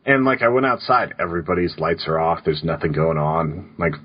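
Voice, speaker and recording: A man's voice: low-pitched, fairly quick. A man co-hosting a podcast in casual chat, telling loose stories full of "like"s. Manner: loose storytelling with many "like"s. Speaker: podcast co-host. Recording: dull lo-fi podcast audio.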